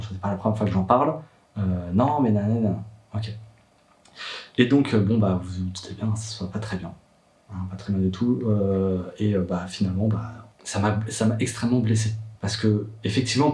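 A man's voice: lowish voice, fairly quick, warm tone, roomy sound, far from the mic. A young man, a worried father, telling his story in a hesitant vlog monologue full of fillers and restarts. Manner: hesitant, many fillers and restarts, rising when upset.

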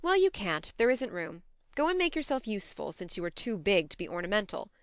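A woman reading an audiobook as a brisk, affectionate young woman, a bossy tomboyish elder sister with a forthright manner. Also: mid-range voice, big pitch swings, no room sound, clean studio sound. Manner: admonishing, forthright. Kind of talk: audiobook character dialogue.

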